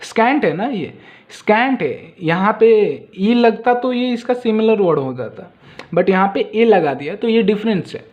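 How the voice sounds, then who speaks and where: A man teaching an exam-prep lesson, asking pupils repeated questions and saying words slowly so they can copy the pronunciation. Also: high-pitched, animated, dull audio.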